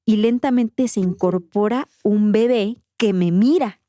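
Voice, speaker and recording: A woman with a Mexican accent, a podcast host telling a story in a casual, slangy, animated way. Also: medium pitch, a little slow, dry recording, clean studio sound.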